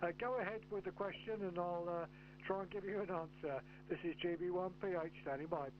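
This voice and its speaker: A man's voice: high voice, steady tone, brisk. A man working as an amateur radio operator, chatting over the air with phonetic callsigns in a hesitant, methodical way. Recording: dull, noisy radio-shack audio with hum.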